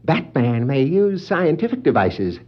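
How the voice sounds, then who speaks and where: An actor playing a gleeful, vengeful crime clown who gloats theatrically and cackles, in a 1960s superhero audio drama. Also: male voice, a little high, sing-song, a little slow. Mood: gleeful, gloating. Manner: frequent wild cackling laughter, theatrical gloating. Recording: vintage dull lo-fi vinyl record, music.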